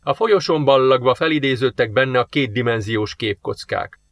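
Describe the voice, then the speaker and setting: Measured male audiobook narrator. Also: medium pitch, gravelly, dry recording. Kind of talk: scripted narration.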